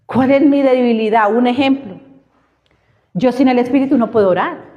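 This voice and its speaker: A woman's voice: a little high, normal speed. A woman preacher delivering a fervent sermon and putting questions to her congregation. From Colombia. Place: church hall. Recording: reverberant hall, dull lo-fi sound.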